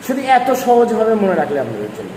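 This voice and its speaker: With a high, sing-song voice and a quick pace, a male teacher runs an online language lesson. He repeats himself patiently and keeps encouraging students to practice, while the echoey room adds faint noise.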